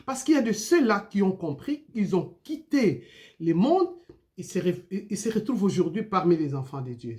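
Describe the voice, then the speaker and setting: Lively woman preaching. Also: medium pitch. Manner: animated, full of rhetorical questions and tag "hein?". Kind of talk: informal video sermon.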